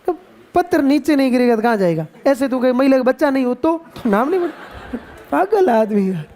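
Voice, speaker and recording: Playful Rajasthani Hindi classroom teacher. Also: male voice, very high-pitched, big pitch swings, a little mellow. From India. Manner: playful, quizzing students with call-and-response and drawn-out repetitions. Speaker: geography teacher. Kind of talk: classroom lecture. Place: classroom with students.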